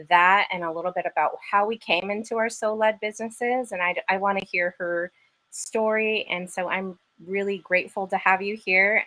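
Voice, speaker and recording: Bright, chatty woman podcast host. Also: fairly low pitch, rough recording. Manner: enthusiastic and chatty. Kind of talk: casual live-stream interview.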